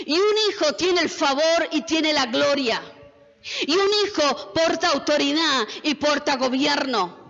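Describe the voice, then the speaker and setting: A woman pastor with an Argentine Spanish accent, preaching a sermon full of rhetorical questions that rises to shouts. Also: high-pitched. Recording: muffled sound with long hall reverb.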